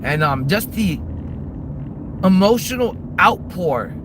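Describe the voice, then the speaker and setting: Man, high voice, rambling live-stream chat from a car, lots of fillers, road noise behind. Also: expressive, slow. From New York, Manhattan. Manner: rambling, repeats himself, frequent fillers. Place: in a car while driving for deliveries. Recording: noisy car interior.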